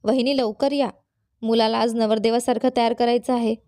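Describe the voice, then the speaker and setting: A woman's voice: fairly high pitch, steady tone, normal speed, warm tone, no room sound, studio quality, close to an everyday voice. A woman doing an earnest young sister-in-law. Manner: earnest, pleading.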